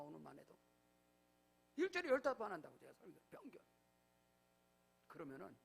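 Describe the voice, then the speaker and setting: A middle-aged male pastor preaching a sermon in a church, with emphatic swings between low asides and loud proclamations. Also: gravelly, slightly rough. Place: church sanctuary.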